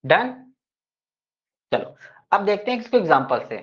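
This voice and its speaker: A man's voice: high-pitched, very animated, measured pace, dull audio. A man teaching an online grammar class, playful and teasing his students as he explains. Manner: addresses students fondly as kids.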